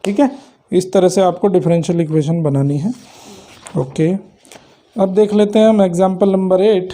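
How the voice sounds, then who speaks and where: Man, math teacher, high voice, dark mellow tone, step-by-step lecture, asks and answers himself. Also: fairly even intonation, moderate pace. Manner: explains step by step, asks and answers own questions. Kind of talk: classroom lecture.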